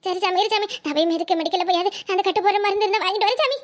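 A woman's voice: very high-pitched, racing. Woman voicing a fierce fretful old aunt, cartoon. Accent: Kanyakumari Tamil. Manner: anxious, scolding, fussing.

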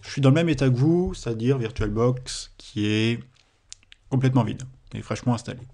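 A man's voice: medium pitch, brisk, warm tone. A man with a French accent, explaining a computing exercise in a screen-recorded tutorial, with hesitations and self-corrections. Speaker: teacher.

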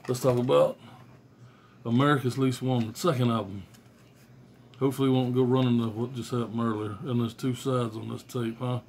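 This cassette-collecting vlogger, a middle-aged man, swears freely and speaks bluntly and offhandedly as he rambles through a show-and-tell in a small bedroom, filmed on a phone at arm's length. Medium pitch, steady tone, normal speed, vocal fry, a little mellow; slight background noise.

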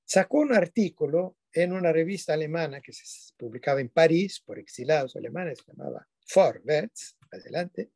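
Speaking through a video call webcam from a dimly lit home room, an older man whose first language isn't Spanish delivers an online lecture that wanders into digressions, with frequent self-corrections and tag questions. The voice is high, creaky and husky with a darkish tone, captured dry with clean studio sound.

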